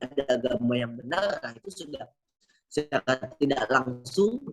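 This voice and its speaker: A male Islamic preacher answering listener questions. His call keeps breaking up, and he explains patiently with many fillers and restarts. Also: a little high. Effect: call audio breaking up, signal cutting out. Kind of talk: religious Q&A over a call. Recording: choppy remote call line from a distance.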